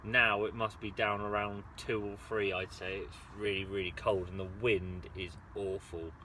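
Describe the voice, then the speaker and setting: A man's voice: fairly low pitch, moderate pace. A British man chatting casually to camera in a rambling, understated way, outdoors while fishing. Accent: British English. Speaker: angler filming a fishing vlog. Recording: noisy outdoor recording with steady ambience.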